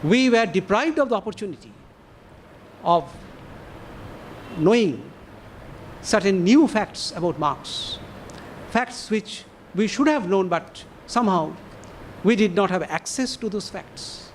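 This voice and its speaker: A man with an Indian English accent giving an academic lecture to an audience, deliberate and posing rhetorical questions with measured pauses. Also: high-pitched, lively intonation, a little hiss or hum.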